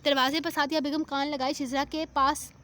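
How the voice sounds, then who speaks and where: High-voiced woman narrating a romance novel. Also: brisk. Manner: steady reading with small restarts. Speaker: novel reader.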